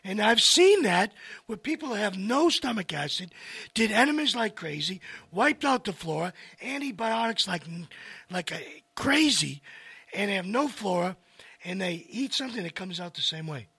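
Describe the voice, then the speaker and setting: A man hosting a casual health talk, rambling and speaking straight to his viewers with lively asides. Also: high voice, moderate pace, husky, no echo. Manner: rambling, addresses folks directly, animated asides. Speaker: host.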